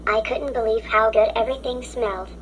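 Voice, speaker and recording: A woman's voice: a little high, steady tone, a little fast, slight background noise, poor audio. A synthetic woman's voice with a robotic text-to-speech sound, reading children's stories aloud in a stiff, mechanical way. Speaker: story app narrator.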